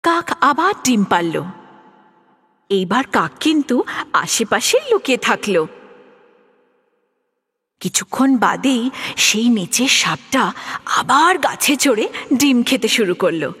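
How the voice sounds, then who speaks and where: Woman narrator for kids' animated stories, lively and fairly high. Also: unhurried, pauses often, husky. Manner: expressive, addresses the young listener. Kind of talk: storybook narration for children.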